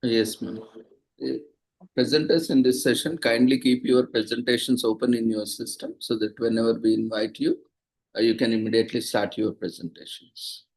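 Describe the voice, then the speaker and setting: An Indian-accented man moderates a session over video conference. His voice is husky and of average pitch as he organizes the presenters. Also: flat delivery, moderate pace, a little mellow, low-quality recording.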